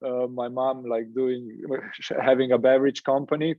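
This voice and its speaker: A man in his thirties from Slovenia, introducing himself as a guest in an informal, relaxed way. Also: mid-range voice, normal speed, dry recording. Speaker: guest investor. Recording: dull dry call audio.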